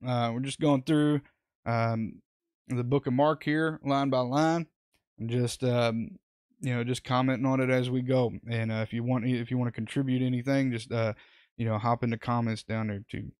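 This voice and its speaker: A man's voice: mid-range voice, fairly even intonation, moderate pace, a little mellow, smooth, no echo. A man hosting a live, unscripted Bible study, rambling with many fillers and restarts as he comments on scripture.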